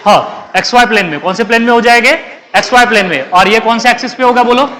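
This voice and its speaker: This male chemistry teacher talks fast, his voice extremely high-pitched, pushed, and bright. He lectures the class, quizzing students and answering his own questions, and calls out those who are not paying attention.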